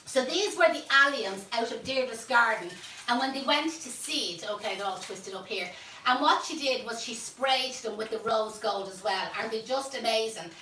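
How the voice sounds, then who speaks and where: This florist teacher has a Dublin accent and a slightly high, sharp voice at normal speed, chatting homely and cracking jokes as she hosts a live flower-arranging class demonstration. The distant mic makes the sound roomy, and there's slight background noise.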